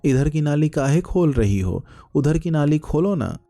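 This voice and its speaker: A man's voice: on the high side, very animated, unhurried, gravelly, mellow, no room sound, voice pushed up, full character voice. A man voicing a poor, hunchbacked young woman who pleads and wails in village dialect. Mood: pleading.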